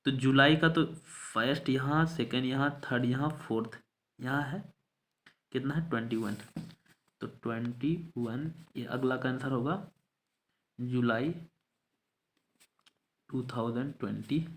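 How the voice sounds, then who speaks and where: Slow easygoing guy teaching kids math, counts days out loud one by one, spells words letter by letter, keeps asking hai na. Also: mid-range voice, steady tone. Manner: often addresses viewers as friends and checks with "hai na". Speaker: math tutor. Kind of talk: casual Hindi lesson working through a calendar worksheet.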